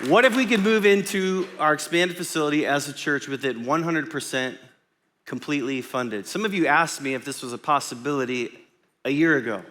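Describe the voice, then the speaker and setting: A man's voice: fairly high pitch, fairly quick, a bit bright, some chatter behind. A man speaking as a pastor in a motivational pep talk to his congregation, emphatic and informal, repeating himself and asking rhetorical questions. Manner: informal, checks in with listeners. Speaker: pastor addressing his church.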